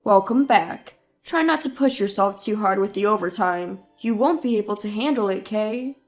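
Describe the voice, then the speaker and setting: A woman voicing a kind young husband who speaks in a lowered, gentle voice. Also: animated, moderate pace, soft background music, natural voice. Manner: soft and caring.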